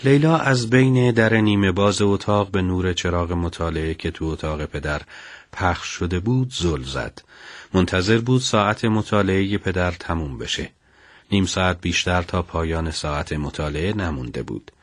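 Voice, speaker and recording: A man narrating a family story in a calm, even storytelling manner. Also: low-pitched, dry recording.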